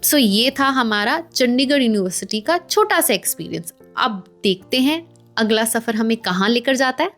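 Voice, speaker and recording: High-voiced Indian woman narrating a vlog. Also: animated, normal speed, faint music behind. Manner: warm, proud storytelling mixing Hindi and English. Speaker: vlogger.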